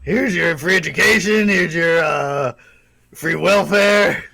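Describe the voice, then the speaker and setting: A man's voice: on the high side, slow pace, vocal fry, bright, forceful tone. A man co-hosting a casual livestream chat, joking around and laughing often. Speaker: co-host of a livestream.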